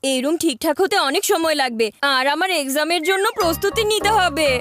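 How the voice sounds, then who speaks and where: An actress voicing a smug, bossy older-brother schoolboy in a cartoon dub. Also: female voice, very high voice, brisk, fairly bright tone. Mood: whining. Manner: bossy, smug, self-satisfied. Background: background music.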